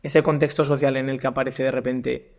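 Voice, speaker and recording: A young man from Spain hosts a casual podcast interview, his voice gravelly and rough at the edges. He asks his questions haltingly, repeating words as he feels his way forward. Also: mid-range voice, little pitch movement, darkish tone. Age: young adult. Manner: hesitant, repeats words while asking questions. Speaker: podcast host.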